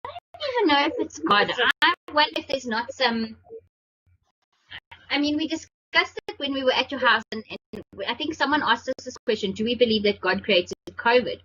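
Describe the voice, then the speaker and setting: A bright-toned woman chats casually as a podcast co-host. She jumps in quickly and jokes along. The sound is dull and lo-fi, with a faint hiss under it. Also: high voice, animated. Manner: chatty, quick to jump in and joke. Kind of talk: casual chat.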